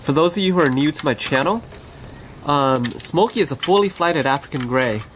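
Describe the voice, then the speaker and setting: A pet bird owner and channel host gently narrating pet footage in a casual, conversational way, recorded on the camera mic in an outdoor aviary. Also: medium pitch, lively intonation, normal speed, a little hiss or hum.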